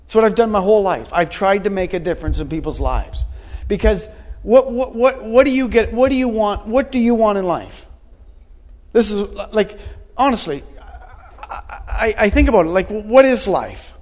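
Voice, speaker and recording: A man's voice: high-pitched, lively intonation, normal speed, a little mellow. A man in his forties preaching a sermon in an earnest, repetitive way, asking his listeners questions. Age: 40s. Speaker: pastor.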